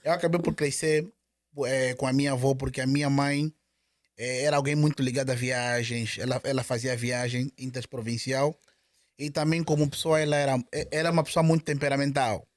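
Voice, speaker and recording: A man with an Angolan Portuguese accent speaks as a guest in a casual interview, his medium-pitched voice steady and a little fast. He hesitates a lot, stumbling, repeating words and restarting. The recording is studio quality with no room sound.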